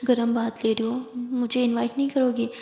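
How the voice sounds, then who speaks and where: A woman's voice: on the high side, flat delivery, normal speed, gravelly, warm tone. A woman voicing a confident, playful female police officer who coaxes and teases in a plain storyteller's voice. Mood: teasing. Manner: playful, coaxing. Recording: echoey room with long reverb.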